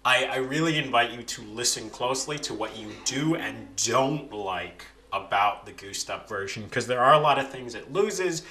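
A young man casually talking through how he edits recordings of his own singing, relaxed and with frequent restarts. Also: medium pitch, normal speed, few pauses. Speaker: video creator explaining vocal editing. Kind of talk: casual voice-over tutorial.

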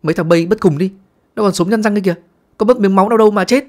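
A man's voice: high-pitched, very fast, voice pushed up, lightly acted. A man voicing a rude, arrogant young man who snaps and hurls insults. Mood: angry. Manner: snapping, insulting.

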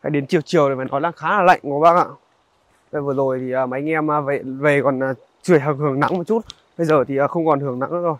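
A young man, narrating a casual outdoor vlog in a halting, conversational way and speaking directly to viewers. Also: on the high side, fairly even intonation, no room sound. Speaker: vlogger. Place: outdoors in a highland village.

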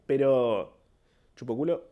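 Young Argentine man, solo podcast host, rambling and self-mocking, medium pitch. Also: takes it slowly, narrow, tinny audio. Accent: Argentine Spanish. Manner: rambling, self-mocking, acts out short quoted voices. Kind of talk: casual monologue.

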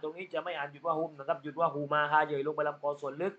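A man's voice: fairly high pitch, fairly even intonation, rapid-fire. A man teaching Quran reading, patiently explaining letter sounds and tajweed rules step by step. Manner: patient step-by-step explanation, frequent polite particles. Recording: muffled lo-fi recording.

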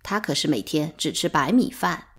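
A woman's voice: sits low, expressive, moderate pace, husky. A chatty household servant from a storybook, boastful and talkative, as a woman reads the part.

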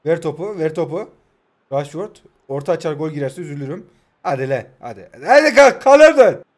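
Young guy with a high voice joking around while playing a football game, teasing chat and calling plays. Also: moderate pace. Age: 20s. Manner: joking, teasing self-talk; excited play-by-play. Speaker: mobile football game commentator. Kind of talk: casual gameplay commentary.

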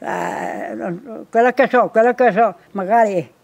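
An older woman, telling local stories in halting speech that often repeats itself. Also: a little high, vocal fry, a little mellow, highs cut off. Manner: halting, repetitive, searching for words. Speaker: local storyteller. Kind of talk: casual reminiscing chat.

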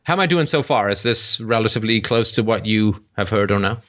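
Forceful low-voiced male talk host. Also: lively intonation, brisk. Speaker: call-in show host. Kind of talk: explanatory monologue to a caller.

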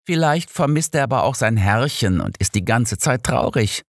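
A man voicing a sharp, know-it-all older detective who lectures his friend with smug superiority. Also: mid-range voice, expressive, normal speed, no room sound, studio quality, pitched above the performer's own voice. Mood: coaxing.

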